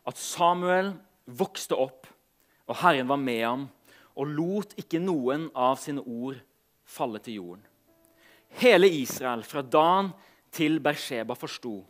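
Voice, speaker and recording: This man's voice is mid-range as he preaches, beginning with a scripture reading. He then speaks conversationally, with a touch of hesitation, and his phrase endings trail away softly.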